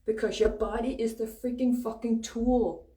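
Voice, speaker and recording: Mellow Danish-accented woman in echoey room. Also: fairly high pitch, fairly even intonation. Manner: informal, freely swearing, emphatic pauses. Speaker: spiritual astrology host. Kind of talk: casual spiritual livestream talk. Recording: roomy echo, distant microphone.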